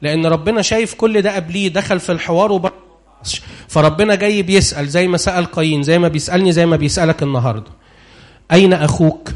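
An Egyptian preacher delivers a sermon in a high, lively voice, throwing questions out to his listeners and pressing for answers aloud. He shifts between urgent appeals and quiet, low asides. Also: very fast. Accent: Egyptian Arabic. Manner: animated, questioning the congregation.

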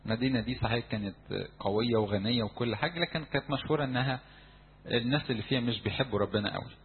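A man with an Egyptian Arabic accent preaching a sermon to young people in a church, animated and acting out crowd voices. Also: mid-range voice, racing, narrow, tinny audio, a little hiss or hum. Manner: animated, acts out crowd voices, shouts for emphasis.

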